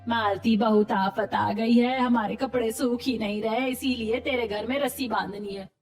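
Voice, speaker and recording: A woman's voice: fairly high pitch, steady tone, moderate pace, distant mic, faint music behind, close to an everyday voice. A woman voicing a scheming, pushy older village woman in a cartoon, talking in a coaxing, insistent way.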